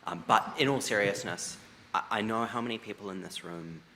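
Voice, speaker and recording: A man from New Zealand hosting a debating ceremony, relaxed with light jokes and many fillers. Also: on the low side, brisk. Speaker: master of ceremonies. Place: large debating chamber. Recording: long hall reverb with faint noise.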